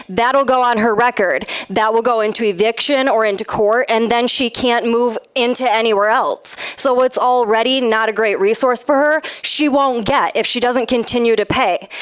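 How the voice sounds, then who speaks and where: A woman's voice: a little high, clean tone. A woman speaking at a city meeting's public comment, telling a story in a pointed, indignant way. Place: city commission chamber.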